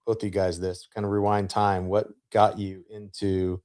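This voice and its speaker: Podcast host, man, low voice, supportive casual interviewer. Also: little pitch movement, moderate pace, a little mellow. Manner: supportive, frequent affirmations, laughs along.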